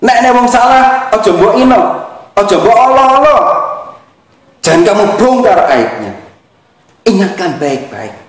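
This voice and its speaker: Javanese man as a spiritual teacher, lively high voice, emphatic and repetitive, heavy room echo. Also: a little slow, pauses often. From Java. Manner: emphatic, repeats key phrases, mixes in Javanese. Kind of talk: teaching talk. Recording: very echoey room.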